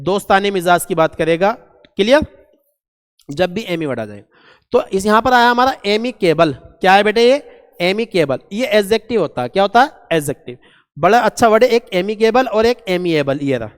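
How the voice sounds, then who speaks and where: A man's voice: sits high, lively intonation, normal speed, clear, resonant tone, big-room sound. A man teaching an English vocabulary lesson, repeating key words and quizzing his students.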